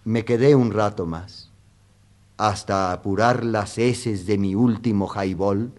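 A man reading a literary short story aloud in a measured, dramatic way. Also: fairly low pitch, steady tone, darkish tone.

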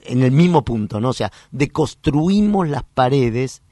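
A man, a child psychoanalyst, telling a clinical story in a lively way and acting out the voices. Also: mid-range voice, a little slow, no echo, studio quality. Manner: animated, acts out voices and sounds in anecdotes. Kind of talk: conversational storytelling.

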